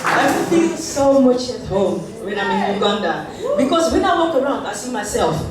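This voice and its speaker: Animated speaker. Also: mid-range voice, normal speed, over a noisy crowd. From Netherlands. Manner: animated, jokey, leads call-and-response chants. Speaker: union board member giving a ceremony speech. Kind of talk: lively public speech to graduates. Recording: echoey hall, voice from far off, noisy room.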